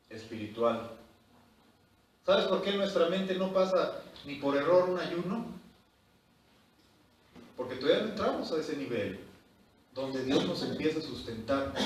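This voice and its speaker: A pastor with a somewhat high voice leads a Bible study, reading scripture aloud and breaking in with exhorting asides. He sounds distant from the microphone. His voice rings through a very echoey church hall. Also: a little hiss or hum.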